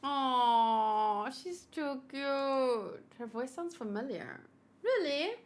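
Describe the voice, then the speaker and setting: Reacting to a game on her livestream, this young woman chats and rambles with playful little exclamations. Her high voice is animated, though she speaks extremely slowly.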